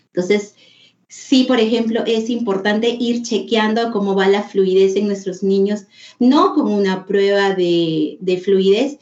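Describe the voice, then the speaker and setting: A woman's voice: mid-range voice, a little mellow. A woman with a Peruvian Spanish accent giving an online teacher-training lecture, explaining step by step and repeating phrases for emphasis. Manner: explanatory, repeats phrases for emphasis, acts out a child sounding out a word. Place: home or office on a video call. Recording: roomy dull online session audio.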